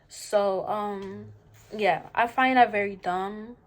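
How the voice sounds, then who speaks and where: A woman's voice: medium pitch, fairly even intonation, takes it slowly. A young woman in a casual opinion monologue to viewers during a mukbang, slangy and emphatic, repeating phrases to drive points home. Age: young adult. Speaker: vlogger.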